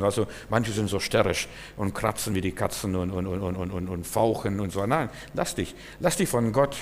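A man's voice: lowish voice, a little hiss or hum. A man preaching a sermon in German, earnest and repetitive, speaking straight to the listener. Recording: long reverb, hall.

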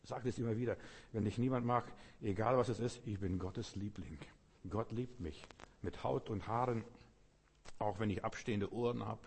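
A male preacher delivering a sermon, pressing his points with fervent repetition. His voice is dark and mellow with a husky edge. A long reverb trails behind every phrase. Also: medium pitch. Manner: fervent, repetitive exhortation addressed to the listener.

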